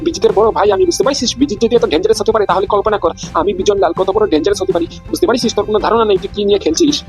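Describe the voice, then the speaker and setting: A man voicing a gravelly cartoon crime boss. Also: sits high, sing-song, racing, soft background music, heavily acted. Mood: threatening. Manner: threatening, boastful. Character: menacing male crime boss, older brother.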